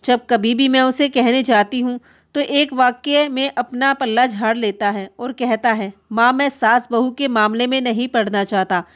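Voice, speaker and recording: A woman's voice: fairly high pitch, fairly even intonation, normal speed, natural voice. A woman playing a wronged, pleading grandmother. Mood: hurt complaint. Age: older. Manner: plaintive, complaining, pleading. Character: aggrieved elderly grandmother, meek and tearful.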